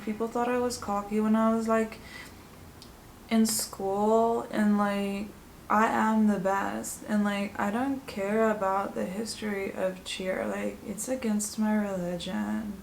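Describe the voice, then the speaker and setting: A woman's voice: medium pitch, little pitch movement, slow pace, vocal fry, roomy sound, slight background noise. A woman vlogger imitating a cocky young woman cheerleader, drawling and full of "like".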